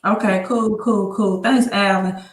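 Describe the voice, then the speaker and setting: A credit educator hosts a casual livestream through her laptop mic, chatting away and restarting her sentences often while she fixes tech problems. Her voice sits at a medium pitch with fairly even intonation and an unhurried pace. The sound is roomy.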